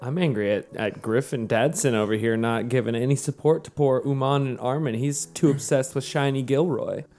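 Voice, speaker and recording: Mid-pitched man bantering in a game. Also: normal speed, hardly any pauses, darkish tone. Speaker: tabletop game player. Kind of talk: casual, joking in-character banter. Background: music.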